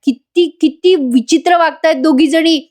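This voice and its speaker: A woman's voice: sits high, moderate pace, a little mellow, pitched above the performer's own voice, natural voice. A woman voicing a young man from a TV serial who angrily scolds his family, in a stern, reproachful way. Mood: scolding.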